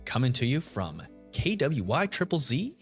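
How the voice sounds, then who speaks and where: A man's deep radio voice takes on a sing-song lilt at normal speed as he hosts a live game stream. He chats casually, greeting chat members by name while shiny hunting, with soft lo-fi music in the background.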